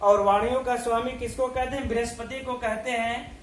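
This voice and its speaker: High-voiced man teaching slowly in an echoey room. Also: steady tone, a little hiss or hum. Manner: slow, methodical, recites letters one by one, asks and answers his own questions. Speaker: Sanskrit grammar teacher. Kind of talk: online video lesson.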